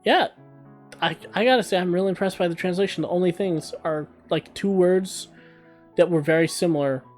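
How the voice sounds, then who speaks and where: A man streaming a game, reading its text aloud and cutting in with casual, profane, joking asides. His voice sits a bit high. Faint music plays behind him. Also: brisk.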